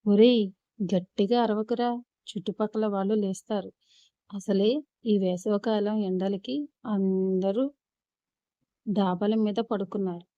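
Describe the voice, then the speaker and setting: A woman storyteller voicing a pleading older sister who speaks in a coaxing, hushed way, on a dull lo-fi recording. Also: mid-range voice, fairly even intonation, unhurried, pauses often, no room sound, lightly acted.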